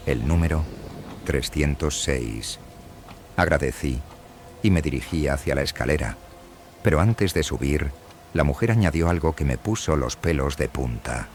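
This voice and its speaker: Very deep-voiced man, hushed creeping horror narration. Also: a little hiss or hum. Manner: hushed, creeping, suspenseful storytelling. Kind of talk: scripted first-person horror narration. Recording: music behind the voice. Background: background music.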